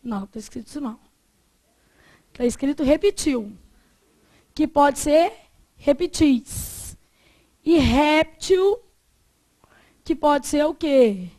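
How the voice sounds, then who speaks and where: A woman with a Brazilian accent leads a grammar lesson in a high, light voice. She chats and jokes with the class and stretches out each example word slowly. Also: animated, mellow. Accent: Brazilian Portuguese. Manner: chatty, joking, drawn-out example words. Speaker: Portuguese teacher.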